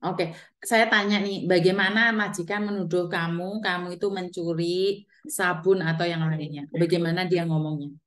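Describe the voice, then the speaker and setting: A woman's voice: on the low side, fairly even intonation, normal speed, fairly bright tone. A woman host interviewing a caller, asking direct questions and nudging her on with short prompts. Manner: prompting with short "terus?" cues.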